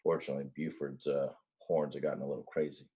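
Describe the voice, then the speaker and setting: A very deep, mellow male voice moves quickly and keeps a level tone while reading a children's book aloud like a teacher. He offers plain, casual asides explaining words as he goes.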